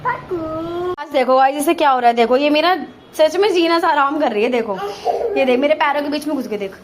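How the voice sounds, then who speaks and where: A woman's voice: high voice, fast, echoey room. A young woman vlogging casually at home, chatting and cooing baby talk to her toddler. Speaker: vlogger mother. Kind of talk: casual vlog chat. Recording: noisy home recording.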